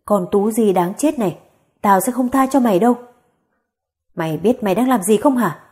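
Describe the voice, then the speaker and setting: A woman voicing an enraged, bitter middle-aged stepmother in a spoken story, harsh and hurried. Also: fairly high pitch, animated, dark tone, lightly acted.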